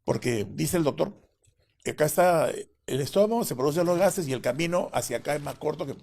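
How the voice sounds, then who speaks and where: A man's voice: on the high side, animated, brisk, vocal fry, a little mellow. A man as an interview guest, telling a personal story vividly and acting out the voices of others.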